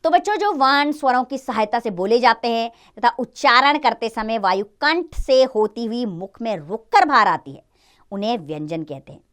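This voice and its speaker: A woman's voice: a little high, expressive, normal speed, a bit bright. A woman teaching a grammar lesson to children, explaining step by step and asking and answering her own questions.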